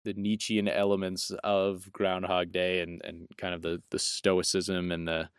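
Low smooth-voiced man riffing on movies. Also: level tone, a little slow, no room sound, studio quality. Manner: rambling, jokey, self-correcting. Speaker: podcast co-host. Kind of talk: casual film review chat.

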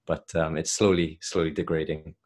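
A man with a soft South Welsh accent, chatting casually as a guest in an interview. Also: rumbling low, flat delivery, normal speed. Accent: South Welsh, softened. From South Wales. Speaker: podcast guest, solicitor.

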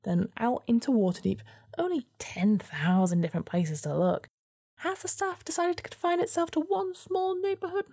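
A woman's voice: a little high, sing-song, normal speed, mellow, breathy edge, no room sound, clean studio sound, pitched above the performer's own voice, full character voice. A woman voicing a sarcastic, endlessly grumbling weasel in a storybook adventure, ranting in weaselly mock politeness. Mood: sardonic grumbling. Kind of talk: storytelling character voice.

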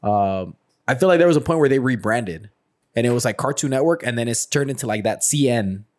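A man's voice: medium pitch, lively intonation, brisk. A man co-hosting a podcast in casual, slangy, teasing chat with some swearing. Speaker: podcast co-host.

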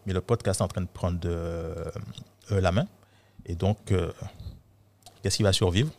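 A man's voice: low-pitched, fairly even intonation, measured pace, vocal fry. A man giving his opinion in a casual studio round-table chat, emphatic and sure of himself. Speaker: podcast guest.

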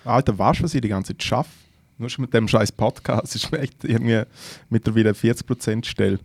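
A man's voice: medium pitch, a little fast, vocal fry, no room sound. A young man with a Swiss German accent co-hosting a podcast, teasing his partner with dry comebacks. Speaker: podcast co-host. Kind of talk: casual podcast banter.

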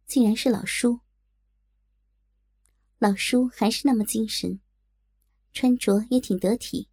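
A woman reading a first-person adult audio novel in a steady, intimate storytelling manner. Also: a little high, breathy edge, no echo. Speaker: narrator.

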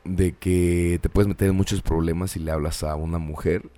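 Low mellow mexican dude chatting on a podcast, dry room. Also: male voice, fairly even intonation, normal speed, no room sound. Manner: laid-back, slangy storyteller. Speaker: podcast co-host. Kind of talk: casual chat.

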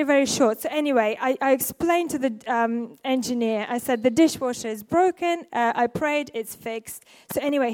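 A woman's voice: sits high, a little mellow. A woman preaching a sermon, mixing scripture reading with chatty personal stories full of fillers and restarts, recorded in a church.

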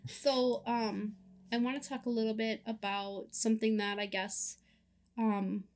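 A young woman chatting casually on a podcast, playful and quick with asides. Her voice sits somewhat higher than most women's. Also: little pitch movement, darkish tone. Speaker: podcast co-host.

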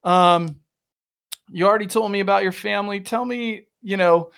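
A man in his thirties with a notably high voice hosts a relaxed interview. He talks loosely and chattily, throwing in "dude" and "bro" as he swaps stories with his guest. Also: moderate pace, creaky, clear, resonant tone. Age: 30s. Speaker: podcast host. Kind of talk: casual interview chat.

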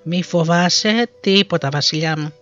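A narrator voicing a calm young hero. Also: medium pitch, faint music behind, close to an everyday voice. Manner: calm, confident. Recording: dull lo-fi recording.

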